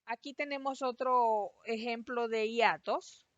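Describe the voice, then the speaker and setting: A woman teacher giving a recorded class, explaining patiently and spelling out syllables slowly. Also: fairly high pitch, fairly even intonation, no echo. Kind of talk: recorded online class lesson. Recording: dry, slightly dull lo-fi voice-over.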